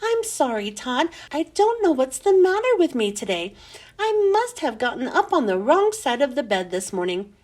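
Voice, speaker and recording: A woman's voice: high-pitched, big pitch swings, moderate pace, darkish tone. A woman reading a children's book aloud, voicing a snappish, unhinged female schoolteacher with a barking, scolding delivery. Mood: flustered apology. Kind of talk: storybook read-aloud.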